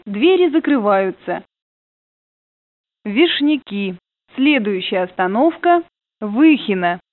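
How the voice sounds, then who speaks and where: A woman calls out train stops over the intercom, slowly and formally, with a lively rise and fall in her voice. The sound is tinny and narrow, like a phone line, and dry, with no room echo. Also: a little high. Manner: formal, measured announcing. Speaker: train announcer. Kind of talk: recorded stop announcements.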